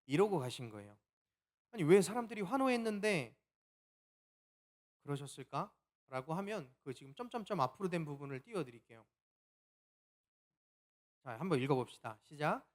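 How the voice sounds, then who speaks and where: A pastor preaching a sermon, telling the story in a lively way and acting out the quoted lines. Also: male voice, a little high, normal speed, pauses often.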